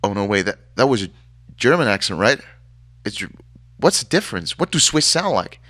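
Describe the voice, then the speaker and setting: A man's voice: fairly low pitch, sing-song, moderate pace, sharp tone, dry recording, clean studio sound. An actor playing a rambling, sarcastic radio DJ who stumbles over his words as he banters. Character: rambling, irreverent male radio DJ.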